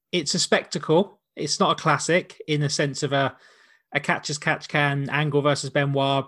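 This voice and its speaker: A man's voice: a little high, fairly bright tone. A man hosting a casual watch-along podcast, rambling and often rephrasing himself as he goes. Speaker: podcast host.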